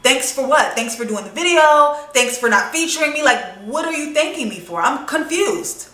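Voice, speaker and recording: A young woman vlogger chatting casually while doing her makeup, expressive and swearing freely. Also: high-pitched, normal speed, recorded from a distance. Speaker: beauty vlogger. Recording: echoey room, voice a bit off-mic.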